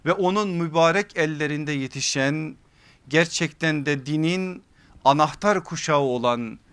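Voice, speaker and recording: A man delivers a religious lecture at a pulpit microphone in a fairly high, smooth and resonant voice. He builds his points in deliberate phrases, with emphatic repetition in a preacher's rhetorical style. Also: fairly bright tone. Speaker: preacher giving a religious lesson series.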